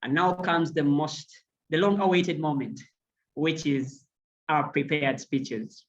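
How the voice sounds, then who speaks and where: A person serving as toastmaster of the day, introducing segments of an online meeting in an unhurried, courteous way. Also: medium pitch, highs cut off. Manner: unhurried, courteous emcee talk. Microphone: video call.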